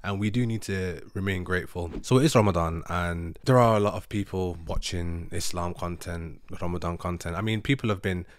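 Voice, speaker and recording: Sitting on the sofa at home, a vlogger in his thirties whose native language is Urdu rambles reflectively to camera, correcting himself as he goes. His low voice moves fairly quickly with hardly any pauses, captured dry and studio-clean on a close handheld microphone.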